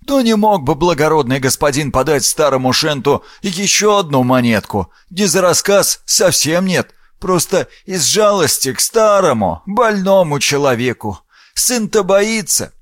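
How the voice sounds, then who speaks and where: A decrepit old peasant in a storybook, his voice high, scratchy and creaking. He drawls slowly and fawns for coins, sly beneath the frailty. The sound is close and dry. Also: fairly bright tone, no echo. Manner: drawn-out, fawning, rustic speech. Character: frail ancient peasant man, wheedling and sly. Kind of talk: audiobook character voice.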